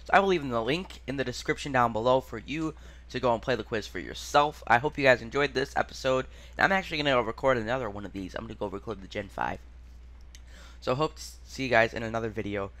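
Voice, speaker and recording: Muttering and stopping and starting, a gaming channel host reasons aloud through quiz questions, sounding out words as he goes. He has a mid-range voice with a fairly bright tone.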